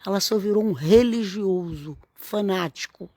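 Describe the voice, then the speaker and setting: A woman's voice: medium pitch, unhurried, dark tone, dry recording. A woman, giving an informal, earnest sermon-style talk to camera and repeating phrases for emphasis. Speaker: religious vlogger.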